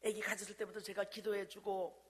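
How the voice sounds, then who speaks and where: A woman's voice: mid-range voice, little pitch movement, fairly quick, fairly bright tone. An older woman pastor preaching emphatically, calling out hallelujah and prompting her congregation, in a reverberant church hall. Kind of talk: sermon.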